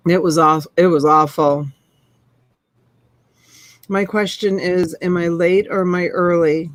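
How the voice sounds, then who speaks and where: A woman's voice: on the low side, steady tone, measured pace, no room sound. A middle-aged woman from Boston with a Boston accent, chatting casually and playfully as co-host of a live show. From Boston, United States. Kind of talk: casual chat.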